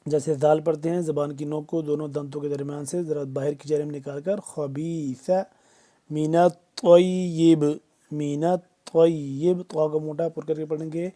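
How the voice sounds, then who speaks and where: A man teaching Quran recitation with tajweed, explaining each pronunciation rule in quick, instructive steps. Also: on the high side, level tone, warm tone. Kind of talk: step-by-step tajweed lesson.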